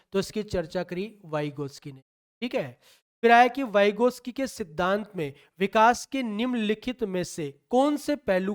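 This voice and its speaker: A man a high, smooth, clear voice goes through a psychology test paper question by question. He poses each question aloud, answers it himself and repeats the key for emphasis. He speaks in. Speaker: teacher solving a test paper. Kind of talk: exam-prep lecture.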